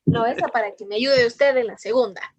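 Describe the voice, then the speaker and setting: Female teacher on an online class, high-pitched and dry, patient explainer. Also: moderate pace, no room sound. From Ecuador. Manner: patient, checks in with frequent questions.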